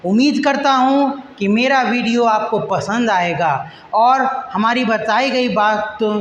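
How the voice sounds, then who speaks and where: A male English teacher giving a grammar lesson, who spells and repeats words slowly syllable by syllable and addresses listeners as friends. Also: very high voice, fairly bright tone. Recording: echoey room with long reverb, faint noise.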